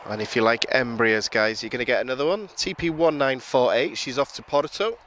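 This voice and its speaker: A man with a hoarse, gravelly voice giving chatty live commentary on planes from outdoors at an airport, often calling his viewers guys. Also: mid-range voice, fairly quick, a bit bright, slight background noise.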